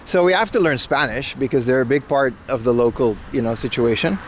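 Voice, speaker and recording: A man's voice: medium pitch, animated, brisk. A man from Aruba with an American accent, chatting casually as a livestream host in a rambling, slangy, playful way. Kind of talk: casual outdoor livestream chat. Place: outdoors in a rural Japanese town on a rainy day. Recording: noisy outdoor street with passing cars. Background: traffic and outdoor ambience.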